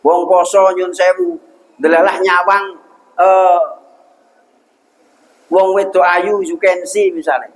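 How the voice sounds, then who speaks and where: A young man with a Javanese accent gives a lighthearted mosque sermon in a high voice. He keeps asking the congregation questions and answers them himself, with a teasing, joking manner. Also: little pitch movement, slow pace, long pauses, rough recording. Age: young adult. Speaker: preacher. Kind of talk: humorous village sermon.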